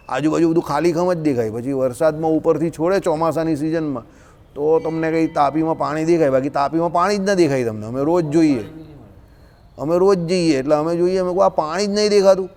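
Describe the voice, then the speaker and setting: A man's voice: fairly high pitch, a little mellow. A man giving a religious scripture discourse in a conversational way, mixing in folksy anecdotes and checking in with his listeners often. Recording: long hall reverb.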